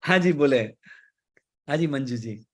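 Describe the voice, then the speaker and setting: A man coaching an online class in Hindi mixed with English, with an Indian accent, who deliberately varies his pace and loudness and pauses after key points. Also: medium pitch, animated.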